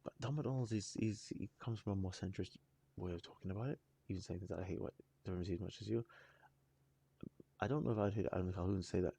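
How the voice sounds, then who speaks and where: Guy with a deep gravelly voice rambling through a reaction video, husky, lots of stops and restarts. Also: warm tone. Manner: rambling, halting, thinking aloud with many restarts. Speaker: music reaction channel host. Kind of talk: casual reaction commentary.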